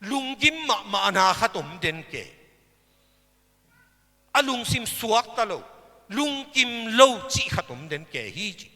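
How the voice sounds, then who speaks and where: A man preaching a sermon at a church service, slow and emphatic, with big swings in pitch and loudness. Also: in a large hall.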